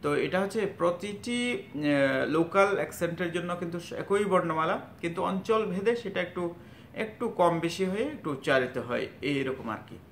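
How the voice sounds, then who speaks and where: A man giving a spoken lesson on letter sounds, halting and full of fillers, sounding each letter out slowly and loudly. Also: animated. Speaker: Arabic teacher. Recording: echoey room with faint rumble.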